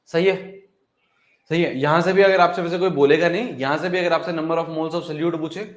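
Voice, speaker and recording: A man's voice: a little high, fairly even intonation, moderate pace. Echoey-room male chemistry teacher. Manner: repetitive, coaxing, calls students "beta". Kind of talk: classroom lecture.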